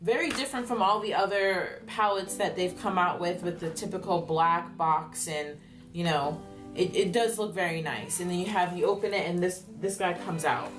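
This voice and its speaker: A woman's voice: lowish voice, moderate pace. Chatty young woman explaining her makeup steps. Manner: chatty, explaining each step as she goes. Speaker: beauty vlogger. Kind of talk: makeup tutorial and review. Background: soft background music.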